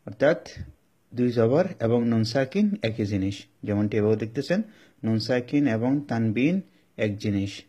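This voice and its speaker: A man with a Bangladeshi Bengali accent leads a Quran reading class at a mid pitch. He explains each rule step by step in a patient tone and repeats it several times so learners can follow. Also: lively intonation, dark tone, slightly rough. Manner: drawn-out chanted Arabic examples. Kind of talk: step-by-step recitation lesson.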